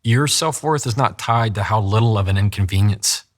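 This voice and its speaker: A man with a somewhat low voice speaks as an attorney coaching people on how to communicate. He explains his points in an interview, slipping into examples and acting out how other people talk. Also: normal speed. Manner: acts out quoted voices, demonstrates pacing.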